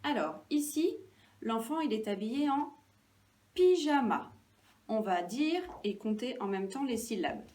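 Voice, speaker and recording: A woman teacher giving a lesson to young children, speaking slowly and clearly, stretching out syllables and encouraging them. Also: fairly high pitch, expressive, darkish tone, far from the mic.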